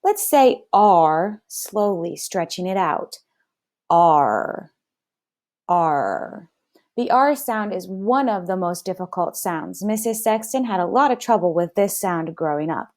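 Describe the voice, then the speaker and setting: Slow, encouraging woman teacher. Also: mid-range voice, lively intonation, a little mellow. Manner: slow, clear and encouraging, stretching sounds for children to repeat. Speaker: first grade teacher. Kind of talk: slow, warm classroom phonics lesson.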